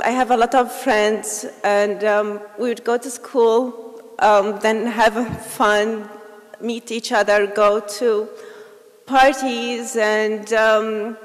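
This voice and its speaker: A woman with an Iraqi accent tells her own story to a gathering, her speech slow and halting, broken by fillers and restarts. Her voice sits fairly high. It rings out with the long reverb of a large hall. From Iraq. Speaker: guest speaker. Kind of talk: personal testimony speech.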